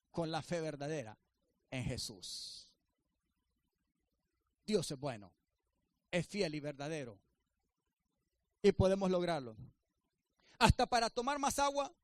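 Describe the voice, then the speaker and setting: High-voiced man preaching a sermon. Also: no echo. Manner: preaching with emphatic rises and soft asides. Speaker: pastor.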